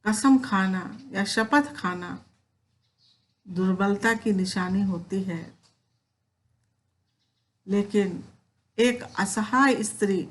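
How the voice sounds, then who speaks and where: Slow-speaking woman teaching poetry. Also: medium pitch. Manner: recites verse lines, then explains them in plain Hindi. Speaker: Hindi teacher. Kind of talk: recorded lecture explaining poetry.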